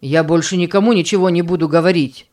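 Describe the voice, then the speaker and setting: A woman's voice: on the low side, animated, normal speed, close to an everyday voice. Woman doing an angry, hurt young boy. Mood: bitter.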